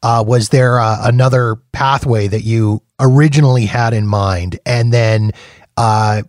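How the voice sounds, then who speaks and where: A man's voice: medium pitch, steady tone, a little slow, no room sound. A man hosts a podcast interview over a video call. His questions ramble, with frequent restarts and fillers. The sound is close and dry. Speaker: podcast host.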